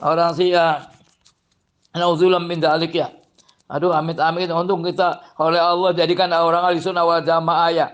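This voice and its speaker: A man with a Cirebon Javanese-tinged accent, reading a classical religious text aloud and explaining it to students in an animated way, exclaiming and chuckling often. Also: a little high, moderate pace, highs cut off. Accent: Cirebon Javanese-tinged Indonesian. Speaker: Islamic boarding school teacher.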